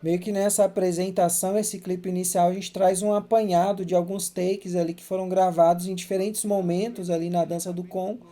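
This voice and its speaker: Very mellow-voiced man, calm commentary. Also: high voice, a little fast, hardly any pauses. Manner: calm, explanatory, with frequent "né". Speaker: filmmaker and journalism professor. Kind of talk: film commentary track.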